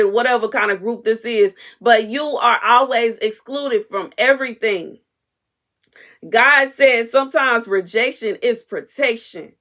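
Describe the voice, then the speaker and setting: A woman's voice: a little high, sharp tone. A woman sharing a prophetic message with viewers in casual, emphatic talk, often repeating herself for stress. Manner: informal, repetitive, emphatic straight talk. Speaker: prophetic content creator.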